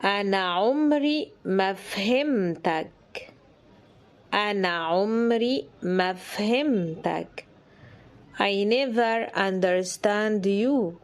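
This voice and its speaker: A woman with an Egyptian Arabic accent who teaches the language, saying each phrase slowly twice and then giving it in English. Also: mid-range voice. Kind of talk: slow phrase drill for learners.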